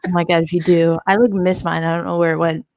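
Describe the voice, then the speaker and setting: A woman chats on a live podcast in a lower register. She rambles through her stories and laughs often. Her voice sits close and dry on the mic. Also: level tone, fast talker, a little mellow, no echo. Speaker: podcast co-host. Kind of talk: casual chat.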